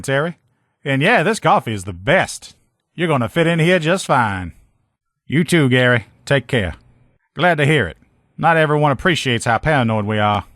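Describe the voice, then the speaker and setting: A man plays a loyal, upbeat armor-fixing lieutenant in video game dialogue, speaking as an informal, confident, folksy, plain-talking soldier in a friendly mood. His voice is fairly high and sing-song, fairly bright, at normal speed. The audio is dry, with no room sound.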